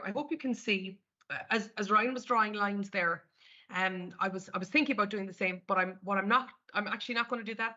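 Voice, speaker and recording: A woman with an Irish accent presents a live market webinar, chatting through each screen step by step. Her mid-range voice sounds pushed and bright, and the audio is dull and lo-fi.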